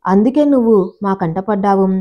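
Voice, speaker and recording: A woman's voice: mid-range voice, fairly quick, lo-fi sound, close to an everyday voice. Woman doing pushy eager young men.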